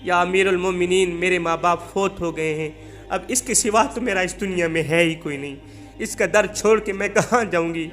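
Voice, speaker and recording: A man preaching in a sermon voices a grieving, wronged young wife who pleads softly with repeated phrases. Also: sits high. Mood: pleading sorrowful. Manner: pleading, soft, repetitive.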